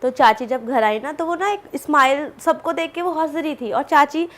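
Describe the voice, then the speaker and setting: Chatty woman guest with a slightly high voice, telling a story in a loose, animated way. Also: normal speed. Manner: chatty, animated, full of asides and fillers. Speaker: podcast guest. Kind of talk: casual storytelling.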